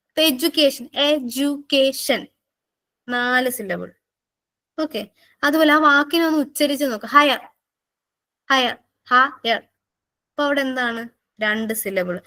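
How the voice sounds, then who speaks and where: A woman's voice: sits high, expressive, moderate pace, pauses often, pushed and bright. A woman with a Malayali accent teaching an exam-prep lesson, explaining patiently, repeating words and putting questions to her students. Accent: Malayali English.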